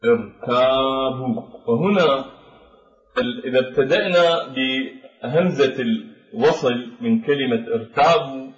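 A man teaching a tajweed lesson, explaining pronunciation rules slowly and deliberately, repeating each example word. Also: medium pitch, recorded from a distance. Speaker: Quran recitation teacher. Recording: dull echoey room recording.

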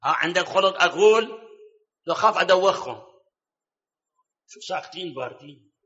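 A man's voice: sits high, animated, normal speed, sharp tone. A man preaching a sermon, quizzing his listeners and quoting scripture. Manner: quizzes the audience, quotes scripture. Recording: dull lo-fi recording.

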